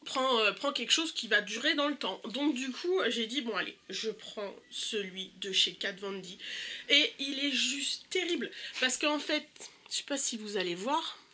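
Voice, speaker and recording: A woman's voice: fairly high pitch, animated, a little slow, sharp tone, a little hiss or hum. A young woman with a stuffy nose, chatting casually and eagerly through a makeup haul with many hesitations. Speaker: beauty vlogger.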